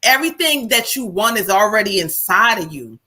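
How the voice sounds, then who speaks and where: A woman's voice: medium pitch, big pitch swings, moderate pace, sharp tone, slightly rough. A woman medium giving a live spiritual reading, talking casually and calling the listener "child" as she relays messages. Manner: colloquial, calls the listener "child"; relays messages, switching into quoted lines. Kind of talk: live stream card reading.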